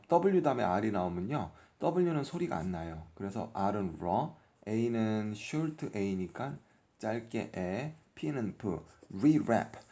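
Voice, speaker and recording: A man's voice: on the low side, dark tone. A man teaching English phonics from a workbook, patiently sounding out each letter and explaining the meaning of each word. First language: Korean. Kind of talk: workbook lesson explained step by step.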